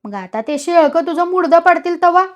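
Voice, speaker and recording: An anxious old village mother, nagging and pleading in a raised, high voice, as a woman storyteller puts her on. She sounds worried and insistent, pressing her son again and again. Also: expressive, normal speed, dull audio. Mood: scolding.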